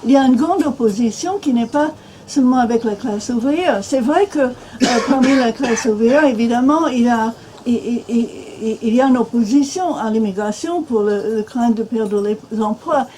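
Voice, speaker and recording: An older American woman speaks French in a halting way, full of restarts and fillers. Her voice sits fairly high but sounds mellow and dark. There is faint noise behind her, from a bookshop event room. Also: rough recording. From Minnesota, USA. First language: English. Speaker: author and guest speaker. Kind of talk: panel discussion.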